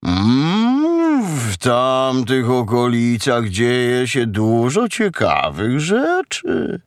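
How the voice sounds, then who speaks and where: A man voicing a calm, grumbling cow in a storybook reading, drawn-out and murmuring. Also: mid-range voice, dry recording, studio quality, exaggerated voice. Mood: musing.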